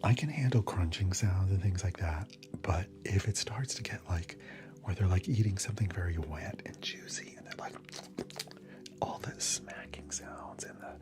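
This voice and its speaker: A man whispering casually through an ASMR livestream, chatting with viewers and answering their comments between snacks. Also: low voice.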